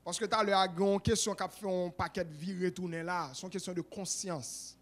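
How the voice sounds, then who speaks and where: A man's voice: high voice, fairly even intonation, brisk, fairly bright tone. A man with a Haitian accent playing a formal, speechifying political candidate in a mock debate sketch. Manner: formal, speechifying, switches into Creole.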